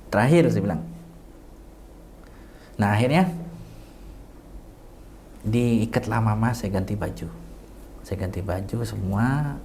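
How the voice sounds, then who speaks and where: A middle-aged man, an interview guest, tells a personal story with feeling, acting out the dialogue and sometimes sinking to a hushed near-whisper. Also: lowish voice, slight background noise. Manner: emotional retelling that acts out quoted dialogue; drops to a hushed near-whisper at tender moments. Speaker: community founder, interview guest.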